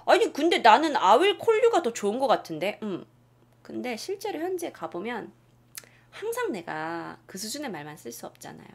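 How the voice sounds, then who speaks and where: A young woman teaches English in a casual video lesson at normal speed, acting out example lines with huge jumps in pitch. For asides, she drops to a whisper.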